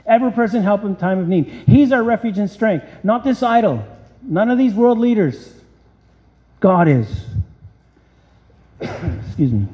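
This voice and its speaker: A man preaching a sermon, reading scripture aloud and firing off rhetorical questions with animated emphasis. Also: high voice. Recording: dull lo-fi sound with long hall reverb.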